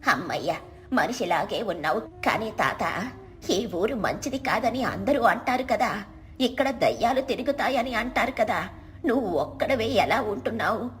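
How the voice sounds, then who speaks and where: A woman's voice: a little high, expressive, moderate pace, close to an everyday voice. A woman voicing a frightened old village woman who has lost her way at night, crying out and pleading in a trembling voice. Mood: fearful, wary. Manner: trembling, fearful cries and pleas.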